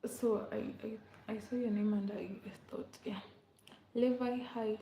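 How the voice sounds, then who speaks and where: Speaking a little slowly in a mellow, fairly even, high-leaning voice, a young woman from Kenya talks casually to her livestream audience, often laughing and saying things twice. The recording comes from a laptop mic in her rented room at home, with a faint hiss or hum, echo, and a dull lo-fi quality.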